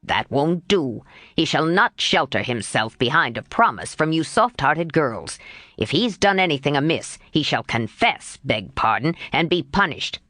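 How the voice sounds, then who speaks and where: A woman reading an audiobook voicing a gruff, abrupt old gentleman in a lowered voice. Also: very animated, measured pace, dry recording, clean studio sound, exaggerated voice. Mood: stern.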